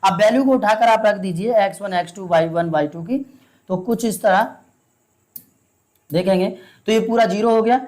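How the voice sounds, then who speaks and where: A woman's voice: mid-range voice, moderate pace, long pauses, darkish tone. A woman teaching a maths lesson step by step. She speaks patiently, keeps quizzing her students and calls them "beta". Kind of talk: step-by-step classroom explanation.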